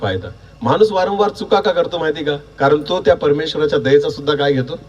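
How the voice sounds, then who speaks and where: A man preaching a sermon, quizzing the congregation with repeated questions and building to shouts. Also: a little high, animated, fast talker, breathy edge, recorded from a distance, muffled recording. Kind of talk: sermon with call-and-response.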